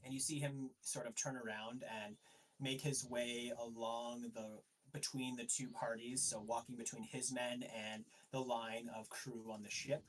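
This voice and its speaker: A man's voice: medium pitch, level tone, measured pace, a bit bright. Hesitant man narrating a tabletop game. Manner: hesitant, full of um and sort of. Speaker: dungeon master. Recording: voice a bit far from the mic.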